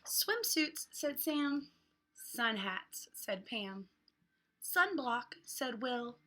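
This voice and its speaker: A slightly high-pitched woman reads a picture book to young children at an extremely slow pace, with a little background noise present. Her animated, exaggerated reading leans hard on words for dramatic effect, typical of a children's read-aloud host.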